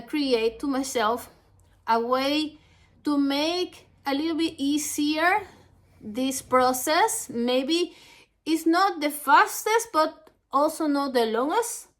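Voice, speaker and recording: A native Spanish speaker from Ecuador with a Latin American Spanish accent teaches a language lesson, going halting and careful, phrase by phrase. Her high voice is expressive, pushed and bright.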